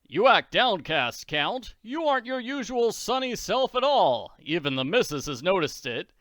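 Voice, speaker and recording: Daddy Warbucks, a man booming him out. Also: very animated, normal speed, fairly bright tone, no room sound, clean studio sound. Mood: hearty teasing. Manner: hearty, teasing, booming. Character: bluff wealthy middle-aged male tycoon.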